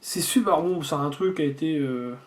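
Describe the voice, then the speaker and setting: A man's voice: a little high, normal speed. A man chatting casually while unboxing a subscription box at home, rambling and swearing freely. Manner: rambling with frequent restarts.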